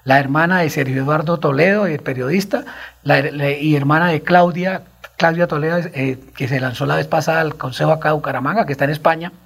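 A man's voice: fairly high pitch, fast talker, creaky, a bit bright, slightly rough. A Colombian man on a radio talk show, telling stories in an agitated, rambling way and repeating himself.

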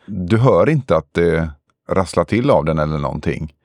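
A man narrating a tabletop role-playing game as game master, describing scenes slowly with pauses and fillers. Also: deep voice, animated, creaky, no room sound, studio quality.

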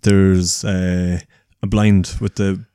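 A man's voice: low-pitched, little pitch movement, very slow, warm tone, clean tone, dry recording, studio quality. A man co-hosting a podcast, easygoing and agreeable in casual chat, telling rambling anecdotes. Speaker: podcast co-host.

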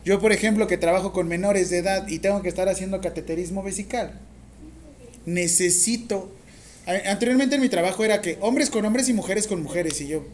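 A woman with a Mexican accent lectures nursing students in a classroom, her voice on the low side. She talks in a lively, teasing way and keeps asking the class questions. Faint room noise sits behind her. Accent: Mexican Spanish. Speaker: nursing instructor.

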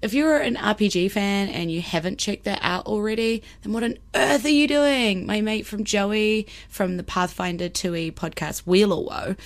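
A woman's voice: mid-range voice, normal speed, few pauses. A woman with a broad New Zealand accent chatting casually and colloquially as a podcast host. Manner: colloquial, with Kiwi slang and Māori phrases.

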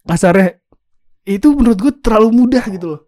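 A man's voice: high-pitched, expressive, a little fast, darkish tone, no echo, studio quality. A young man with a Jakarta accent chatting casually on a podcast in Jakarta slang, swearing offhandedly. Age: young adult.

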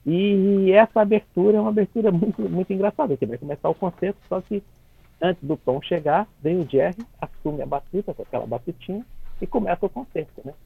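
Gravelly Brazilian man on a phone line. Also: high-pitched, fairly quick, no room sound. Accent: Brazilian Portuguese. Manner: chatty, many restarts and tag questions, laughs while explaining. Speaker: conductor explaining classical music in cartoons. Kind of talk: casual radio chat. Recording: dry tinny phone line.

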